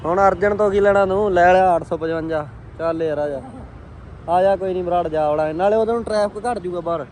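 Talking fast in a high voice with a darkish tone, a vlog host addresses his viewers as friends in chummy, casual commentary. He's outdoors at a farm machinery fair, surrounded by engine and vehicle noise.

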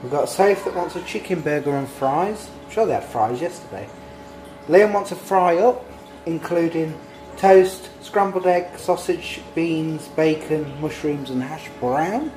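Chatty dad vlogging at home. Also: male voice, on the high side, unhurried, noisy background. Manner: chatty, rambling, addresses viewers as guys. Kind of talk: casual home vlog chat. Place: small home kitchen and living room. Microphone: phone held at arm's length.

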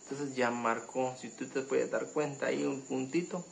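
Gravelly man explaining a keyboard, halting. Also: medium pitch, fairly even intonation, a little hiss or hum, rough recording. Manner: halting, lots of fillers and restarts, explains step by step. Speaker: keyboard tutorial host. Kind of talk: casual demo tutorial. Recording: loud keyboard music behind.

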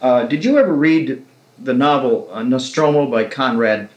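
A man's voice: medium pitch, normal speed, a little mellow, reverberant, lo-fi sound. A man interviewing an author, musing at length about novels, heard on an old 1969 tape recording. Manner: reflective, long winding literary remarks. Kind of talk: conversational discussion.

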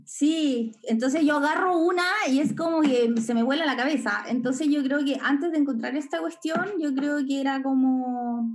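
A woman's voice: high voice, moderate pace, few pauses, darkish tone. A young woman with a Chilean accent, chatting casually as an interview guest, full of fillers. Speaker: guest, esports photographer.

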